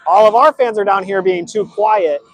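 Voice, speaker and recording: A middle-aged man gives casual, joking color commentary on a hockey game. His voice sits notably high for a man, and he talks with a stats-minded, chatty manner. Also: moderate pace, slight background noise.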